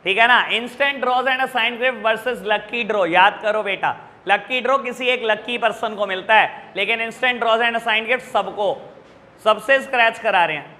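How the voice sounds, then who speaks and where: A man's voice: sits high, slow, bright, forceful tone, in a large hall. A male teacher with an Indian accent lecturing a class, often calling students "beta" and checking in with "theek hai na". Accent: Indian English. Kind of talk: classroom lecture explaining exam questions.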